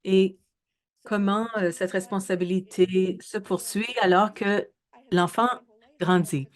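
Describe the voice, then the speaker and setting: Speaking at a medium pitch with fairly even intonation, a thirtysomething woman gives a measured research presentation over a webinar. Frequent hesitations and self-corrections run through her talk.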